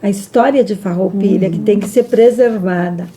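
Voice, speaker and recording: A woman's voice: medium pitch, moderate pace, a loud crowd. A woman hosting a local television interview, prompting her guest and adding dates and comments. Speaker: TV host.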